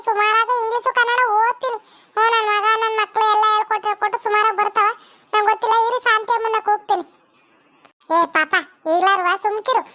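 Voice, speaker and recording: A woman's voice: very high-pitched, pushed and bright. A woman voicing a fussy older village mother who scolds and nags, in a comedy sketch. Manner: scolding, nagging.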